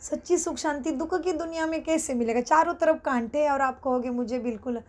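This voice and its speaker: A middle-aged woman leading a spiritual class, speaking in a measured, explanatory way and asking questions she then answers herself. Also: sits high, darkish tone.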